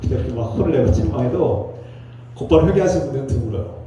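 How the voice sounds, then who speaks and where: A man's voice: medium pitch, expressive, quick pace, dark tone. A middle-aged man preaching a Sunday sermon as pastor, talking earnestly and conversationally, at times acting out heated quoted voices. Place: church sanctuary during Sunday worship. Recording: echoey hall from far off with faint hum.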